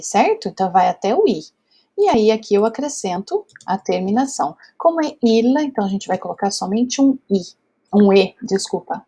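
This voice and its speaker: A woman's voice: medium pitch, warm tone, slightly rough. A Brazilian woman teaching French grammar step by step, patient, checking in often with her students. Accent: Brazilian Portuguese. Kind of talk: whiteboard grammar lesson.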